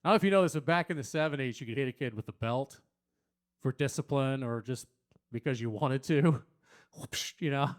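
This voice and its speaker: A man doing a stand-up comedy set on a small stage, crude and rambling, talking to the crowd and putting on loud silly voices for quotes. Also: mid-range voice, a little fast.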